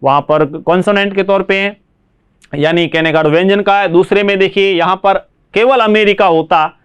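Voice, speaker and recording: Higher-pitched Indian man teaching English. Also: steady tone, smooth, lo-fi sound. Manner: explains slowly, checks understanding with frequent rhetorical questions. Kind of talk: classroom lesson.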